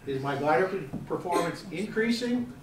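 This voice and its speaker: A man's voice: sits high, lively intonation, normal speed. A middle-aged man teaching a seminar, quizzing the audience and repeating key points with emphasis. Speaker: gliding safety instructor. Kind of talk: interactive seminar lecture. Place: seminar room. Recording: echoey room, distant mic, faint background noise.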